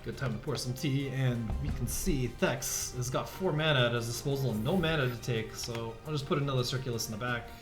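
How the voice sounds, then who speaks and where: A man casting a digital card game tournament, calmly explaining plays and rules as they happen. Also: medium pitch, brisk, hardly any pauses, over music. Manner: explanatory, relaxed, gives rules tips. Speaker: esports caster. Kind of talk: play-by-play commentary.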